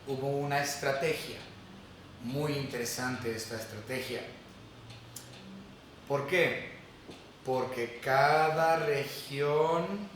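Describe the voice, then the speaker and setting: A man's voice: medium pitch, a bit bright, far from the mic, slight background noise. Man preaching in an echoey hall. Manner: conversational, asks the congregation questions. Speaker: pastor. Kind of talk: sermon. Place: church hall.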